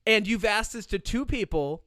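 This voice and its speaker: A man's voice: high voice, moderate pace, no echo, clean studio sound. A young man hosting a podcast in casual chat, telling stories with frequent laughs and restarts. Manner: animated storyteller, laughs often, restarts. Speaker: podcast host.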